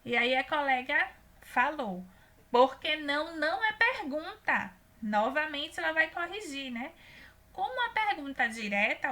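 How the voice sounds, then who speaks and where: A woman's voice: sits high, pushed and bright. A woman teaching a grammar lesson patiently, often checking in with "né?". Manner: patient, tag questions "né?" and "tá?" often. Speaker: Portuguese teacher.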